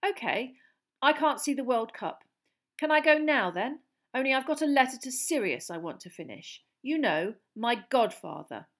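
A woman's voice: sits high, very animated, a little slow, few pauses, voice pushed up. Harry Potter, a woman doing a cheeky boy. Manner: cool, curt, then cheekily bright. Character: defiant, cheeky teenage boy wizard.

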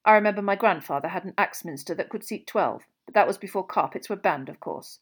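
A woman's voice: mid-range voice, brisk, slightly rough, natural voice. A woman voicing a stiff, impatient elderly man, a wizard official with a dry, clipped, formal manner, in an audiobook. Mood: formal, brisk.

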